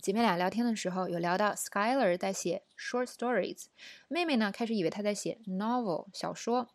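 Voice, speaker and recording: A woman's voice: mid-range voice, normal speed, dry recording. Chatty woman teaching, dry close sound. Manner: chatty, explaining with frequent rhetorical questions. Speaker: English teacher. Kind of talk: casual language lesson.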